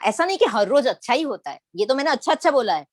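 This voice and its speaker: A middle-aged woman from Gujarat sharing her personal story in a lively storytelling manner, acting out the quoted lines. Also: high voice, quick pace, dry recording. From Gujarat, India. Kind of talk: personal testimony talk.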